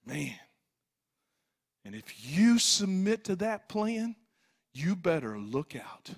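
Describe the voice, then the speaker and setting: High-voiced older man preaching a sermon. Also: sing-song, slow. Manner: swings from loud pleading to hushed low asides; repeats words for emphasis. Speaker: pastor.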